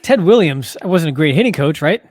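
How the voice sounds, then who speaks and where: A man's voice: a little high, lively intonation, normal speed, darkish tone, no echo, studio quality. A man co-hosting a sports podcast, chatting casually with jokey, wry asides. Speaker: podcast co-host.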